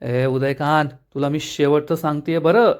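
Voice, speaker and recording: A man's voice: fairly high pitch, steady tone, measured pace, smooth, natural voice. A man voicing an angry scheming woman villain in a retold TV serial, scolding sharply.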